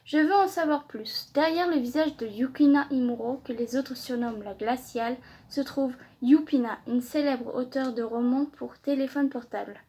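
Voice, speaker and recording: A woman chatting excitedly on a casual unboxing vlog, often exclaiming and repeating herself. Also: high-pitched, normal speed, few pauses, breathy edge. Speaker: vlogger.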